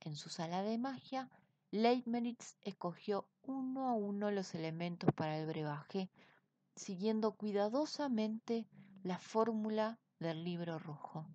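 A woman reading a children's storybook aloud in an expressive, unhurried way. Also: mid-range voice, dull audio. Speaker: reader.

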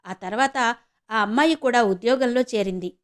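Fairly high-voiced woman storyteller. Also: moderate pace. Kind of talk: scripted narration.

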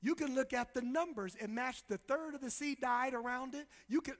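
High, bright-voiced preaching man. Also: moderate pace, in a large hall. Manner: impassioned preaching, call-and-response, repeats phrases. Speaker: pastor. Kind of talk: sermon.

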